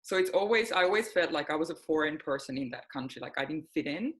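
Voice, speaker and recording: A woman's voice: low voice, expressive, quick pace, rough recording. Woman in her forties. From Finland. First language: Finnish. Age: 40s. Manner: reflective, open, many soft fillers. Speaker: guest, healing coach. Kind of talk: casual interview chat.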